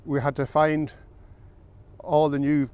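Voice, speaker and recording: A man's voice: a little high, level tone, darkish tone, clear, resonant tone. Older farmer telling his story. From south of Ireland, County Meath. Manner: plain, unhurried storytelling with filler pauses. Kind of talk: oral history recollection.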